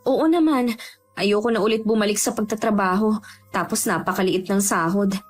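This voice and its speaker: A woman's voice: medium pitch, normal speed, soft background music, natural voice. An actress playing a greedy elder sister who keeps evasively denying she took anything. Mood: worried. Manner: evasive, sulky denials.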